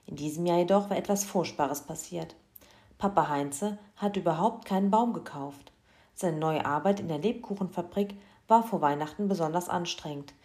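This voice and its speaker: A woman reading a children's story aloud in a lively, expressive way. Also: deep voice.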